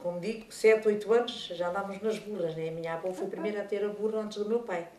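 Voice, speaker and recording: A woman's voice: medium pitch, fast talker. An older woman with a European Portuguese accent, chattily telling a childhood story from her own life. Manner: lively, chatty, animated retelling with fond diminutives. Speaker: senior storyteller. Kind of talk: life story told aloud. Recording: echoey room, speaker far from mic.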